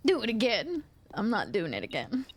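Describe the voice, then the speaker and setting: A woman streamer giving casual commentary as she plays a game, talking to her chat with quick jumps in pitch. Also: slightly rough. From rural United States. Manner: animated, talks to chat, quick swings up in pitch.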